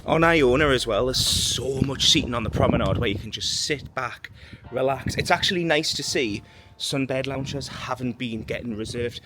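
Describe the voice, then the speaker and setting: A man's voice: medium pitch, noisy background. A young man chatting casually in a travel vlog on board a cruise ship, self-deprecating and laughing often. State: out of breath at times. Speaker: cruise vlogger. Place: aboard a cruise ship, outdoor deck and corridors.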